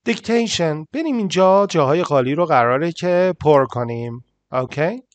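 A male English teacher explaining a listening lesson, saying English examples slowly and explaining them quickly. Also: on the high side, expressive, dry recording, lo-fi sound.

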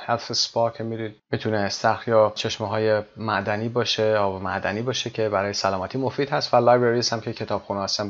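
A man teaching English exam reading, reading English phrases slowly and then explaining them. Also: lowish voice. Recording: dull lo-fi recording.

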